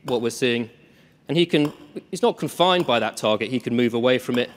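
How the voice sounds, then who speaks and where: A man presents a live tech demo on a conference stage, relaxed and self-deprecating, filling gaps with ums. His voice sits in the middle range and carries a long reverb from the large hall around him. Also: medium pitch, fairly quick, a little hiss or hum.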